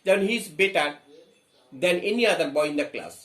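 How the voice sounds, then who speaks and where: A man's voice: a little high, very animated, a bit bright, echoey room. A man teaching an English grammar lesson, explaining step by step, asking questions and spelling words letter by letter. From West Bengal. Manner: reads English phrases slowly.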